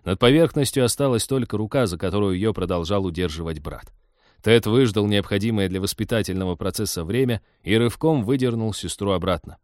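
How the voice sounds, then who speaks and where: Brief: deep male reader, dry studio sound, wry story narration. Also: fairly quick, a little mellow, no room sound. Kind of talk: audiobook narration.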